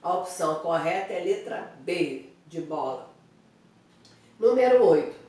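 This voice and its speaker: Slow-speaking teacher in an echoey room. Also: female voice, on the low side, animated, dark tone, distant mic. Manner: explains step by step, checks in with "tá?" and "né?". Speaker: Portuguese teacher. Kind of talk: online grammar review lesson.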